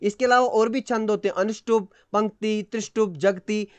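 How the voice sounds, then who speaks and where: In an online astrology lecture, a man with a high-pitched, clean-toned voice speaks at a moderate pace with fairly even intonation. He explains patiently, slips in English terms and checks that students are keeping up. There's no room sound.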